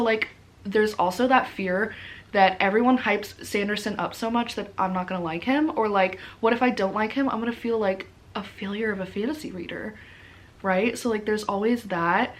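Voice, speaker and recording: Female book vlogger, tired, medium pitch, casual and rambling chat with a self-deprecating streak. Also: moderate pace. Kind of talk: casual rambling chat to camera about books.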